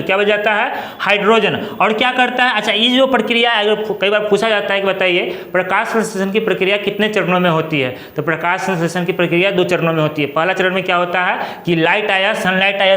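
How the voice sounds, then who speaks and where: A man's voice: high voice, a bit bright, echoey room. A man teaching biology, repeating each term and asking his pupils to say it back. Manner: repeats terms with call-and-response questions. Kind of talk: classroom lesson.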